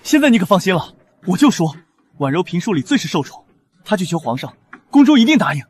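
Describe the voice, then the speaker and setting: An actor playing a smug, self-assured unfaithful prince consort in a period drama, speaking with emphatic self-satisfaction. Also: male voice, high voice, sing-song, quick pace, breathy edge, exaggerated voice. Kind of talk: Chinese period short-drama acting.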